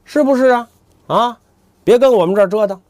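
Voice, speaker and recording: A brash, cynical temple sweeper monk played by a male storyteller with a highish, very animated voice. He hectors in street-level colloquial speech, firing rhetorical questions about money. The sound is close and dry. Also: moderate pace, no echo. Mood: scornful.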